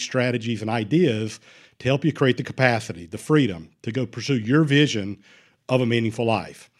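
A man hosting an interview podcast in a casual, hesitant way, with many fillers and restarts. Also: mid-range voice. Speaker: podcast host.

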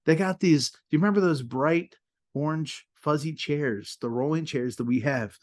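A man in his thirties hosting a podcast, telling a story in a casual, animated way, laughing often and acting out what people said. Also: fairly high pitch, normal speed. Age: 30s. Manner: animated, laughs often, acts out quoted lines. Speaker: podcast host.

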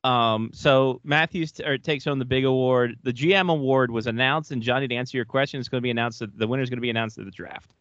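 A man's voice: mid-range voice, steady tone, quick pace, a bit bright, no room sound. A man rambles through casual sports chat, swearing freely and laughing along. The recording is dry and a little dull, with no room sound. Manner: profane, rambling, laughs often. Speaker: podcast host.

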